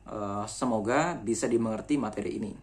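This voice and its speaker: A man's voice: on the low side, fairly quick. A man teaching a school lesson, explaining step by step with frequent fillers and asides. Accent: Indonesian. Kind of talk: classroom lecture.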